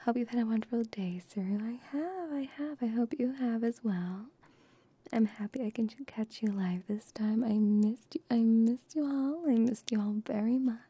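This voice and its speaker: With a fairly high, breathy voice, this young ASMR streamer keeps her whisper soft and largely unvoiced, unhurried and right up against the shotgun mics. Her talk to viewers is affectionate, teasing pet play.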